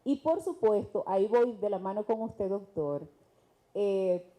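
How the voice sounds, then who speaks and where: Emphatic Dominican woman, mellow voice. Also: mid-range voice, animated, measured pace, low-quality recording. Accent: Dominican Spanish. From Dominican Republic. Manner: earnest, emphatic, explanatory. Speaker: mental health specialist guest. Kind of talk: TV panel discussion.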